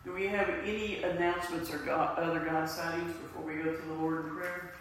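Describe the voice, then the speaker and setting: A woman's voice: fairly low pitch, fairly even intonation, fairly quick. A woman pastor with an Appalachian accent, speaking to her congregation during a church service. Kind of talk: church service talk and prayer. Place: inside a church, congregation present. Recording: roomy, distant church mic, faint noise.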